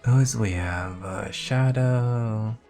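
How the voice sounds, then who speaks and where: Here a male host runs a gaming livestream, talking casually and muttering to himself as he plays over faint music. His voice is medium-pitched and darkish, and he takes his time.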